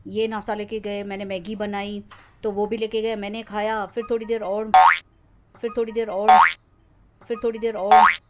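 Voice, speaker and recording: A young woman whose first language is Sindhi, chatting at home in a rambling daily vlog, repeating herself, her voice weak and low after being unwell. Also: darkish tone. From India. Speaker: home vlogger. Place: home, indoors.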